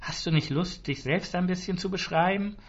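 A man doing a woman on a sex hotline in a storybook reading, pitched clearly higher than his own voice. She keeps purring flirty, leading questions. The recording sounds muffled and lo-fi. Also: moderate pace. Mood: coaxing. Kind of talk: audiobook reading. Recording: dull lo-fi recording.

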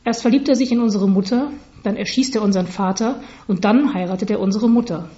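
A woman's voice: medium pitch, fast, warm tone, lightly acted. A woman voicing a bossy, know-it-all older sister in a story, speaking in a lecturing way. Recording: slightly dull recording.

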